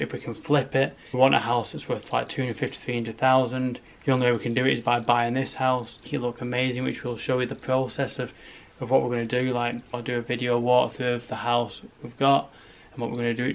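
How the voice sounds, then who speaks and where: Flat-toned, gravelly man chatting to camera. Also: mid-range voice. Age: 30s. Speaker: vlogger. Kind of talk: casual walkthrough chat to camera. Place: rooms of a house, indoors. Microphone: camera held at arm's length. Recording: handheld camera with clear background noise.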